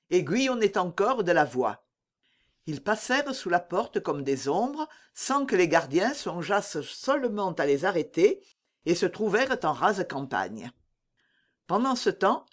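Narrator for a classic adventure audiobook; animated, rising and falling delivery. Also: medium pitch. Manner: lively, animated storytelling. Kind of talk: expressive audiobook reading of a classic novel.

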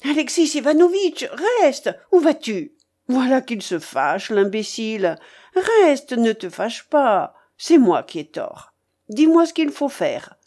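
Role: bossy elderly grandmother gambler in an audiobook, put on by a woman reader, high and loud, swinging in pitch. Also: sing-song, takes it slowly, heavily acted. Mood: pleading, demanding. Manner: bossy, barking orders. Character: imperious old grandmother gambler, impatient and hot-tempered. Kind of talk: audiobook character voice.

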